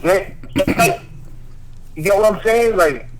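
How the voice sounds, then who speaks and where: A man's voice: sits high, expressive, slow, background noise. A man co-hosting a podcast in casual, heated chat, talking emphatically and cutting in to make his point. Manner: emphatic, keeps cutting in with "listen". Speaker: podcast co-host.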